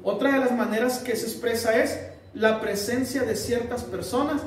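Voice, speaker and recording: A man preaching a sermon to a congregation, animated, quizzing the listeners and acting out resentful people. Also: very high voice, moderate pace, slight background noise. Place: church hall with a congregation. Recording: very echoey hall, mic at a distance.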